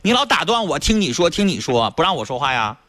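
A man's voice: fairly high pitch, big pitch swings, quick pace, pushed and bright, dry recording. A man hosting a call-in radio show, bluntly lecturing callers. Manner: scolding, lecturing. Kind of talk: blunt advice radio talk. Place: radio studio. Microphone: studio mic.

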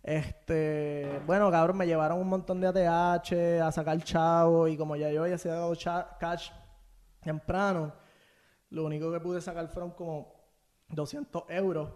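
A young man with a Puerto Rican accent tells a story on a podcast, casual and full of slang. His voice sits a little high. He acts out the other people's lines as he goes. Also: flat delivery, normal speed, a little mellow. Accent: Puerto Rican Spanish. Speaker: podcast guest.

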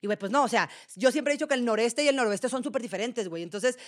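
A young woman with a Sinaloan Mexican accent, a podcast guest in casual chat who talks loudly and bluntly, full of slang. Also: a little high. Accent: Sinaloan Mexican Spanish. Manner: loud, blunt, slangy, talks in quick bursts.

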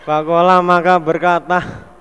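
A man's voice: on the high side, flat delivery, unhurried, a bit bright, a little hiss or hum. A man with a Javanese accent teaching as a religious teacher, reading a classical text and translating it word by word, with playful asides. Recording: long hall reverb.

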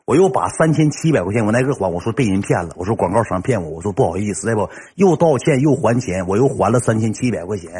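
A man with a Northeastern Mandarin accent telling a comic personal story in a rough, slangy ranting way. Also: mid-range voice, darkish tone.

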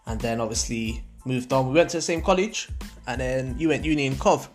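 A young Portuguese man hosts a casual podcast chat, trading laid-back, slangy banter and laughing often. His medium-pitched voice is expressive and a little fast, with faint music in the background.

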